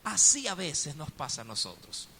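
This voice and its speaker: Ecuadorian male pastor, bright piercing tone, dramatic sermon storytelling from hush to shout. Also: on the high side, sing-song, moderate pace, slight background noise. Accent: Ecuadorian Spanish.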